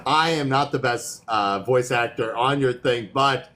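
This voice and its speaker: A man's voice: medium pitch, measured pace, sharp tone. A man hosting a livestream, chatting casually in a loose, easygoing way, with many fillers and restarts. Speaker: livestream host. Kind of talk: casual chat.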